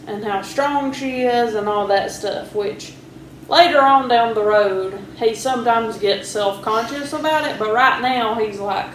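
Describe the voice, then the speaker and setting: A woman co-hosting a podcast, chatting casually and wryly while going through her notes. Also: medium pitch. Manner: relaxed, wry, reads out her own notes. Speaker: podcast co-host. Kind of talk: casual chat. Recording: roomy echo, faint background hiss.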